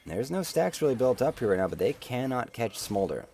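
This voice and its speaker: A man calling a video game match play-by-play, quick and jokey, getting louder in big moments. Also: medium pitch, creaky, faint music behind. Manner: rapid play-by-play, jokey banter, rises excitedly in big moments. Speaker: esports play-by-play caster. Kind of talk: live game commentary.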